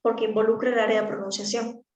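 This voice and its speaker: A woman's voice: on the high side, flat delivery, fast talker, a little mellow, reverberant, lo-fi sound, slight background noise. A woman teaching speech therapy to a class, explaining practically with examples. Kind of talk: online class lecture.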